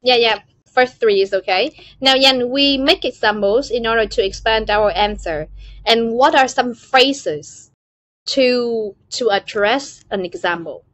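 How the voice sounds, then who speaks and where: A woman's voice: a little high, slow pace, fairly bright tone, no room sound. A woman with a Vietnamese accent teaching an online class, calling on students by name and explaining phrases. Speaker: English teacher. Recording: dull, lo-fi, dry call audio.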